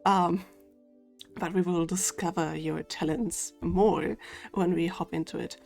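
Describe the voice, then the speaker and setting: A woman, running a tabletop game as game master on a stream, quick and chatty with frequent laughs. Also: on the low side, fairly even intonation, vocal fry, a little mellow, faint music behind.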